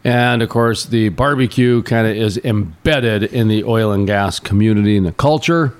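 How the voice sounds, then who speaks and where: A man's voice: lowish voice, normal speed, smooth. A man hosting a morning radio show with casual, chatty banter. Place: radio studio.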